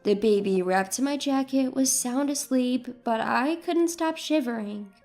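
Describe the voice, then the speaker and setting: A woman in her twenties narrating a story in the first person with a steady, even delivery. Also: high-pitched, measured pace, soft background music. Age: 20s.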